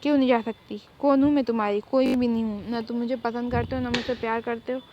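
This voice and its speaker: A woman's voice: on the high side, steady tone, quick pace, close to an everyday voice. A woman voicing a young pregnant wife, hurt, stubborn and reproachful, in a fan-made story, on dull lo-fi audio with faint noise. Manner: emotional, reproachful.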